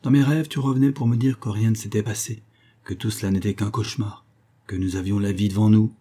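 A worn-out, resigned man speaks in a low, dark, husky voice, with every word flat and defeated, as the audiobook's male narrator reads him. He sounds drained and beyond caring. The reading stays close and plain. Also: fairly quick. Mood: weary. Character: weary self-loathing middle-aged man, resigned.

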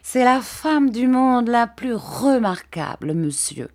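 A woman reading an audiobook, voicing a kindly, simple-minded older gentleman who talks in earnest, halting phrases. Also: a little high, big pitch swings, voice pushed up, heavily acted.

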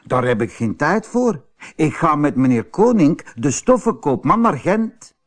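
Brash prankster boy for a storybook, high and lively, husky edge; man reads it. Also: unhurried, heavily acted. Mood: cheeky. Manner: brash, teasing. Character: cheeky mischievous village boy, cocky and playful.

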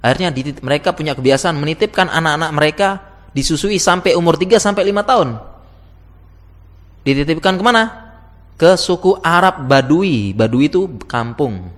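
A man's voice: a little high, lively intonation, moderate pace, a bit bright. A man giving a chatty lecture to teachers, asking his audience questions and laughing often. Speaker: teacher giving a talk to Islamic school teachers. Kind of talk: casual lecture. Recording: long hall reverb.

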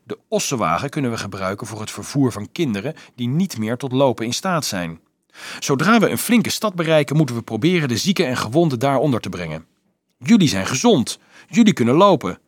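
A firm, practical teenage boy giving orders, as a man reading a storybook puts him on. The raised voice is lively and a little husky, recorded dry and close. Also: medium pitch, brisk, dry recording, pitched above the performer's own voice. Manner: firm, explaining, sometimes angry. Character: resolute teenage boy leader, practical planner.

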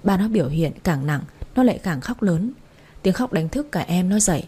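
A woman narrating an audiobook story in a steady, emotive storytelling manner. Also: on the low side, moderate pace, husky.

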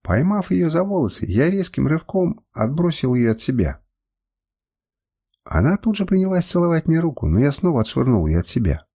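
Brief: male audiobook reader, mellow husky tone, animated first-person narration. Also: a little high. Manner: expressive, dramatic reading.

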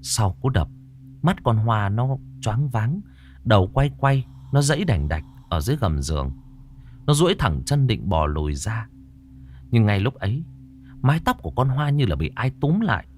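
A man narrating a ghost story in a lively, dramatic way. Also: fairly low pitch, moderate pace, slight background noise.

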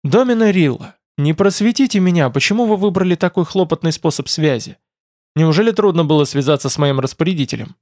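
A man's voice: on the high side, expressive, brisk, darkish tone, no room sound, studio quality, natural voice. Man doing a volatile, hot-tempered noble lord. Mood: sighing.

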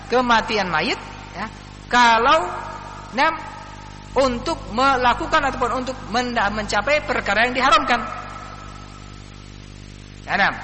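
A man giving an Islamic study lesson. He reads Arabic text slowly, then explains it with frequent fillers like "nah" and "ya". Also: very high voice, sharp tone. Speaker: religious teacher. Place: mosque or study hall. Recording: roomy, echoing hall with faint hum.

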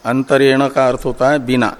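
A man teaching scriptural commentary, reciting Sanskrit passages and then explaining them word by word in a measured, deliberate way. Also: mid-range voice, flat delivery. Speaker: Vedanta teacher. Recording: long hall reverb.

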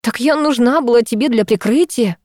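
A woman reading an audiobook, voicing a furious, scornful young woman who lashes out in raised, sharp outbursts. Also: a little high, brisk, dry recording, studio quality, voice pushed up, close to an everyday voice.

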